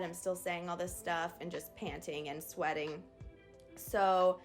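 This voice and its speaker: A young woman vlogger candidly retelling a birth story in a casual storytime. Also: on the low side. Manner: candid, animated retelling with acted quotes.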